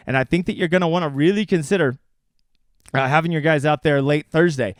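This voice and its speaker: A man's voice: on the high side, a little fast, no room sound. A man casually breaking down fantasy golf picks on a livestream, crude and joking. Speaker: fantasy sports analyst.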